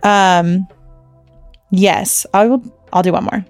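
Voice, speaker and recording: A woman's voice: medium pitch, fairly even intonation, slow, no echo, soft background music. A woman co-hosting a podcast, telling stories in casual chat with lots of "like" and free swearing. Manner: chatty storyteller, swears freely, lots of "like". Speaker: podcast co-host.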